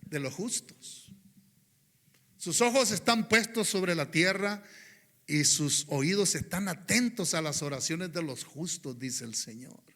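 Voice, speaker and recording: A male pastor preaching a sermon, often stopping to address his "brothers" and saying amen, moving between quiet, low passages and loud, high exclamations. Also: animated, takes it slowly. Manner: rhythmic preaching, often inserts "hermano, ¿verdad?" and "Amén".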